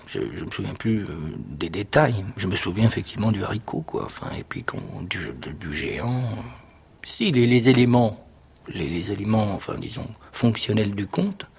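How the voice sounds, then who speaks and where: A man, an actor, answering an interview in a hesitant, halting way, searching for words. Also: fairly low pitch, expressive, creaky, a little mellow, husky. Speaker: actor interviewed about childhood reading.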